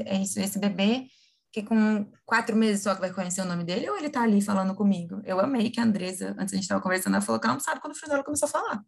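A woman, explaining things in a lively, casual conversation, often asking her listeners "right?". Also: medium pitch, vocal fry, slightly rough. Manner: animated, acts out imagined quotes, frequent tag questions.

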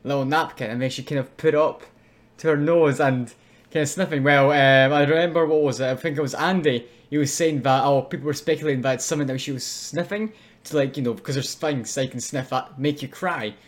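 A man co-hosting a podcast, talking in a relaxed, chatty and amused way. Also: on the high side, a little fast. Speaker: podcast co-host. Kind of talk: casual podcast chat.

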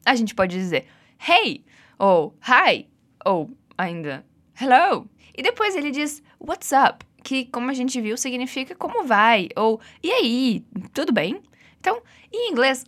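A woman's voice: sits high, very animated, a little slow, fairly bright tone. Patient Brazilian woman teaching English. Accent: Brazilian Portuguese. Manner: patient, encouraging, drills repeats. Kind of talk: guided language lesson.

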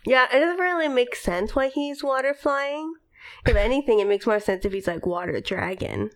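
A woman chatting casually as a podcast co-host, soft-spoken, giving short replies and giggling. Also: on the high side, lively intonation, normal speed. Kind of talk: casual chat.

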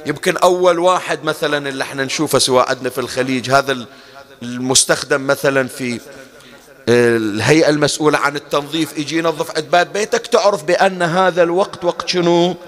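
A man preaches with a slightly raised pitch. He teaches through rhetorical questions, posing each one and then answering it himself. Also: fairly bright tone. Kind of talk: religious lecture.

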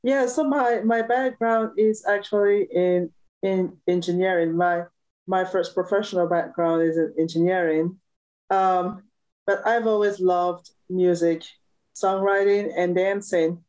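A woman's voice: lowish voice, fairly even intonation, unhurried, a little mellow, low-quality recording. A woman from Cameroon, a musician guest in a casual interview, talking cheerfully and laughing often.

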